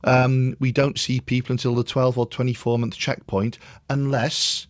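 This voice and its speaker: A man's voice: mid-range voice, flat delivery, moderate pace, dry recording, studio quality. A man hosting a casual business conversation, leading it and asking his colleague questions. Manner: leads the talk and asks questions. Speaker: business advisor hosting a review chat.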